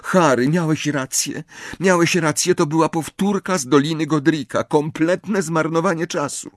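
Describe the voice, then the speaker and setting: A man's voice: no room sound, lightly acted. A man reading an audiobook, voicing an anxious, clever teenage girl witch in a raised, fretful, argumentative voice, in a dry recording. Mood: scornful. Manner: high, fretful, quick to argue.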